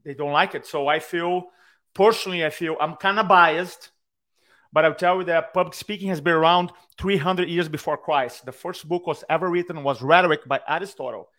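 A man with a Brazilian accent speaks fairly quickly in a voice on the high side. As a speaking coach interviewed for a podcast by video call from his own room, he tells animated stories and acts out quotes.

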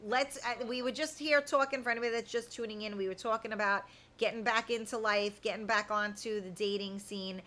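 A woman in her fifties runs a casual live chat show, talking to her audience in a frank, blunt, colloquial style. Her fairly high voice stays fairly even in intonation, moving briskly with few pauses and a sharp tone.

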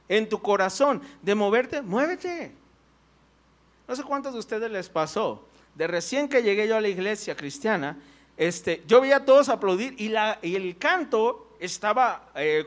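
Guy preaching, super high voice, loose rambling story style w/ lots of "no?" tags. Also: a bit bright. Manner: personal storytelling, frequent fillers and "¿no?" tags. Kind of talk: conversational sermon. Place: church.

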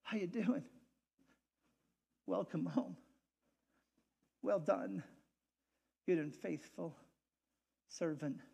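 A man's voice: high voice, very slow, creaky, long pauses, mellow, breathy edge, heavily acted. A man voicing God as a fatherly, easygoing figure welcoming someone home.

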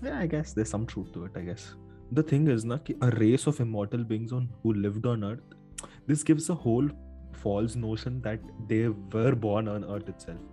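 A man's voice: lowish voice, moderate pace, warm tone, soft background music. A man with an Indian accent hosting a podcast in casual, informal chat, now and then slipping between English and Hindi. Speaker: podcast host.

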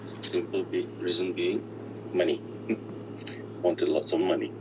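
A man whose voice has been disguised and pitched deep, telling his own story in an interview, halting and often restarting his words. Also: steady tone, background noise. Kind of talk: personal account in an interview.

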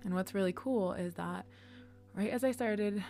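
A woman's voice: mid-range voice, moderate pace, dark tone, soft background music. A woman giving a casual spiritual talk as an astrology host, speaking reflectively in short phrases, at times guiding and reading aloud.

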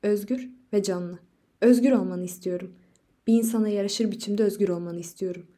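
A woman reading a story aloud voices a desperate, defiant young wife, speaking out loudly and passionately in a dark, mellow tone. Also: mid-range voice, brisk, close to an everyday voice. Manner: loud, impassioned pleading. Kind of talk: audiobook reading.

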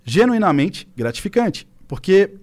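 In a laid-back studio podcast chat, the guest, a thirtysomething esports coach from Minas Gerais, Brazil, tells stories with animation and lots of filler words. His voice sits high, and he keeps a measured pace.

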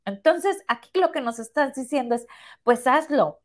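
A Mexican woman with a fairly high voice joins a casual podcast panel. She is supportive and sums up the points the others make. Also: lively intonation, normal speed. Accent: Mexican Spanish. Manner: supportive, recaps what others said.

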